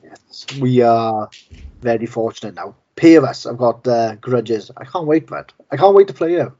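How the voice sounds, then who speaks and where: A man's voice: mid-range voice, expressive, brisk, warm tone. A middle-aged man on a podcast, chatting casually and laughing often. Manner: laid-back, swears casually, laughs often. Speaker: podcast co-host. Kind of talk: casual chat. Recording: dull lo-fi sound.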